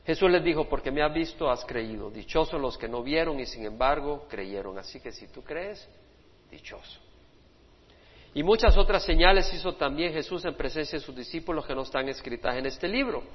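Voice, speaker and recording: A man's voice: a little high, expressive, fairly quick, hardly any pauses. Impassioned male pastor preaching in a hall. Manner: impassioned preaching, voices quoted speakers. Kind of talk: sermon. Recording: dull lo-fi sermon recording in a reverberant hall.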